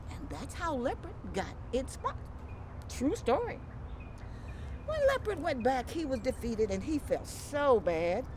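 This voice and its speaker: A woman storyteller with a Lowcountry Gullah Geechee accent tells a folktale in a high voice. Her delivery is theatrical and very lively, leaning on repeated phrases. There is clear noise around her. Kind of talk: animated oral folktale telling. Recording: clearly noisy background.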